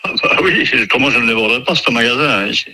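A shopkeeper with a Verviers Belgian French accent answering a call over the phone, curt and matter-of-fact. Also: male voice, mid-range voice, quick pace, a crowd in the background, low-quality recording. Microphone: telephone on speaker.

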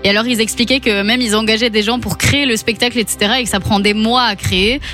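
A woman co-hosting a radio show, chatty and lively. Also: fairly high pitch, fast, faint music behind. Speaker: radio co-host. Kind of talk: casual radio banter.

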